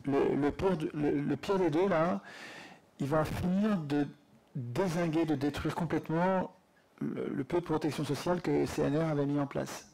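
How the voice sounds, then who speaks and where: Gravelly husky man debating. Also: fairly high pitch, moderate pace, rough recording. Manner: animated, insistent, speeds up. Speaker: conference speaker. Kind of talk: public debate talk. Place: lecture hall. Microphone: handheld mic.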